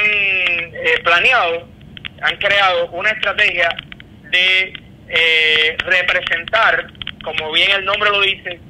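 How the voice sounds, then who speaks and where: A middle-aged man from Cuba with a Cuban accent, a guest answering interview questions over a video call, hesitant with many fillers. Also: high voice. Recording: noisy call line.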